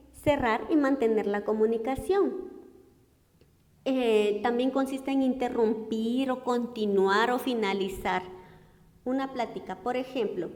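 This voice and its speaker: A woman teacher gives a recorded language lesson. She explains slowly, gives many examples and checks in with "¿verdad?". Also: on the high side, darkish tone, in a large hall.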